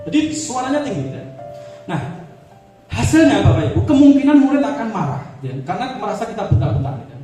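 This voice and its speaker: Man, teacher presenting, high voice, mellow tone, chatty with fillers, echoey hall, mic far off. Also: big pitch swings, fast. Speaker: teacher leading a training session. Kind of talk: classroom-style presentation to fellow teachers. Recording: echoey room, mic far off, faint music.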